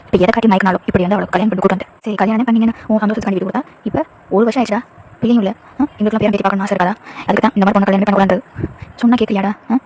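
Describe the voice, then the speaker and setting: A bitter middle-aged mother-in-law, put on by a woman narrator in a storybook reading. She nags with a flat, rapid tone and fires off reproachful questions. The delivery is quick and level in pitch. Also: slight background noise, natural voice. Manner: reproachful, nagging, hurled rhetorical questions.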